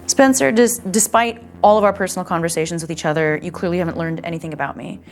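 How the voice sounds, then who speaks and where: A woman's voice: on the low side, fast, faint music behind. A woman contestant giving a pointed, sassy confessional speech. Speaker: reality game contestant.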